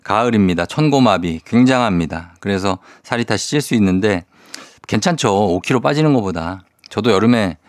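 A male radio DJ on a morning show, reading listener messages and answering them with quick chatty asides. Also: lowish voice, animated, dry recording, studio quality. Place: radio studio. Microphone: studio microphone.

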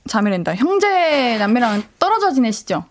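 A woman's voice: on the high side, very animated, normal speed. A woman hosting a radio show, chatting casually and giving playful advice to listeners. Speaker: radio host.

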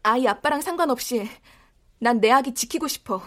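A woman's voice: on the high side, animated, moderate pace. An actress playing a stubborn young woman in her twenties, firm and defiant with her mother. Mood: quiet resolve. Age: 20s. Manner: quiet and firm, then defiant. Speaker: pregnant young student.

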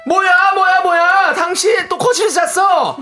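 A woman's voice: very high voice, unhurried, sharp tone, soft background music, heavily acted. A woman playing an exasperated middle-aged mother and grandmother who scolds and sighs.

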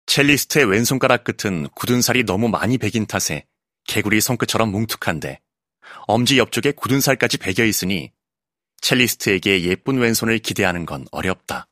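A male voice actor reading an essay audiobook in a calm, clear narrating voice, recorded close in a studio booth. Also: fairly low pitch, a little fast, no echo. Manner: calm, clear narration with lively, expressive intonation.

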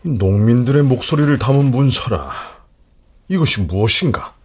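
A grave king of old Korea in a radio drama. His mid-pitched voice is deliberate and commanding, weighing each phrase. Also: lively intonation, a little mellow, breathy edge. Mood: questioning. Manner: slow-weighing, authoritative royal speech. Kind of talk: historical radio drama acting.

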